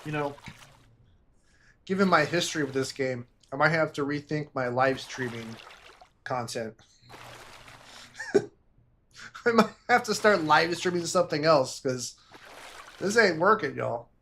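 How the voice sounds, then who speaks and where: A young man livestreams himself playing a game, talking slowly in a voice a bit higher than most men's. He rambles in a self-deprecating way and mutters to himself, with a faint hiss of noise underneath. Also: lively intonation, a bit bright. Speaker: gaming livestreamer. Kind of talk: casual livestream commentary.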